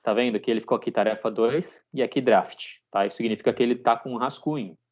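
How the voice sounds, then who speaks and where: A man in his thirties, a teacher walking students through code step by step in a live online class and often checking in with a quick "tá?". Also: mid-range voice, a little mellow, muffled recording. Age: 30s. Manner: explains step by step, ends phrases with a checking "tá?". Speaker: programming teacher.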